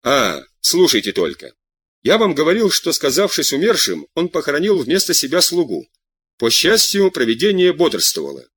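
A man voicing an eager, excitable young man who tells his news breathlessly and humbly. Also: fairly high pitch, moderate pace, husky, dry recording, studio quality, exaggerated voice.

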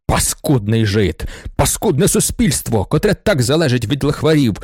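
A man's voice: medium pitch, no room sound, clean studio sound, natural voice. A man voicing an agitated aging aristocrat who is theatrical and easily worked up in a storybook reading. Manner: excitable and theatrical, swinging between indignation and gushing gratitude. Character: agitated aging male aristocrat, proud and pitying himself.

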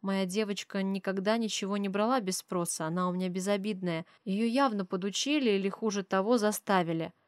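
A woman's voice: mid-range voice, brisk, few pauses, no room sound. Woman narrating an audiobook, dry close sound. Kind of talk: first-person audiobook narration.

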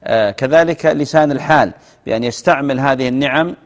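A man, a television sheikh answering viewers' religious questions with measured explanations and chanted example phrases. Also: mid-range voice, in a large hall.

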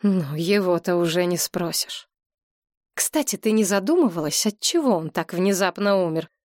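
In an audiobook, a woman with a lowish, slightly mellow voice plays a grave, suspicious adult daughter, speaking grimly and asking pointed, probing questions. Her delivery is animated and lightly acted at a moderate pace. The studio-quality recording has no room sound.

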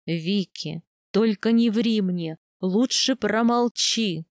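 A woman reading an audiobook, voicing a passionate young steppe husband in a lower, drawn-out tone. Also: dry recording, studio quality, close to an everyday voice. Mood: tender.

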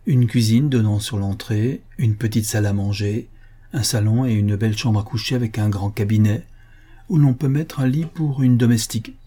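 A man's voice: lowish voice, moderate pace, mellow, breathy edge. A man voicing a talkative male concierge who is deferential and emphatic, eager to reassure his listener. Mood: obliging.

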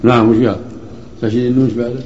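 Low dark teacher guy, quick gravelly questions, muffled lo-fi audio w/ faint hiss. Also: little pitch movement. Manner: brisk, short colloquial questions and corrections. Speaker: teacher leading the lesson. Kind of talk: correcting and questioning in a lesson.

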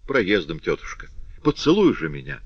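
A man's voice: sits low, huge pitch swings, moderate pace, slightly rough, no echo, dull audio, full character voice. A man voicing a glib, self-assured young lancer officer. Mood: breezy. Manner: jaunty, glib, worldly-wise.

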